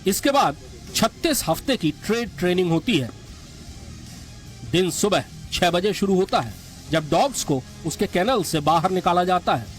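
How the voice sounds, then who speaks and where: A man's voice: high-pitched, expressive, moderate pace. A man reading scripted documentary narration as the narrator. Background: music.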